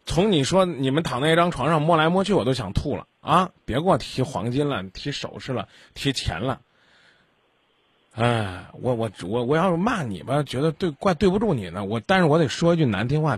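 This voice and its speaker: Husky guy on a radio advice line, blunt and scolding, voice swings up and down a lot. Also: medium pitch, dry recording. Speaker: radio call-in advice host.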